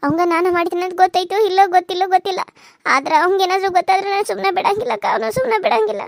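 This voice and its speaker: A tearful young village wife from a cartoon serial, voiced by a woman, speaking. Her voice is very high and sits dry and close on the mic. She pleads and vows to stand up for herself. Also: steady tone, rapid-fire, creaky, dry recording.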